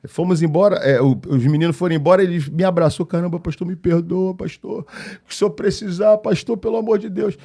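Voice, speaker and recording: A man with a Rio de Janeiro accent, a pastor and podcast guest, telling stories in an animated way and acting out the dialogue. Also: high-pitched, fast talker. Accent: Rio de Janeiro Portuguese. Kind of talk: storytelling in a podcast interview.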